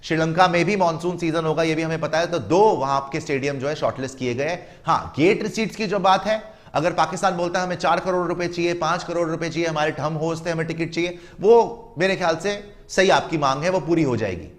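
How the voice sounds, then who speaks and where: A man's voice: a little high, a little fast. A man giving opinionated, emphatic cricket commentary, lecturing his listeners and mocking the other side.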